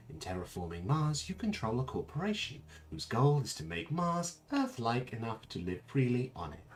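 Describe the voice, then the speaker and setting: A man voicing a creepy male computer narrator, reading out a game tutorial in a measured, announcing tone. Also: medium pitch.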